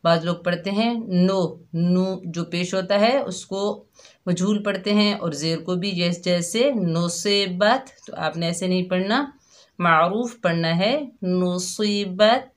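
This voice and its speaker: A woman's voice: lowish voice, takes it slowly. A woman teaching children to read the Quran in an Urdu-accented voice, patiently spelling out each syllable in drills. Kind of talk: children's Quran recitation lesson.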